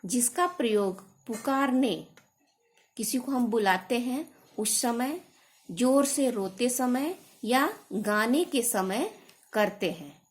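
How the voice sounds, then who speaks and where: A woman teacher giving a grammar lesson, explaining slowly and repeating definitions, sometimes correcting herself. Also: on the high side, animated. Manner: slow, deliberate explanation with repetition; corrects herself mid-sentence.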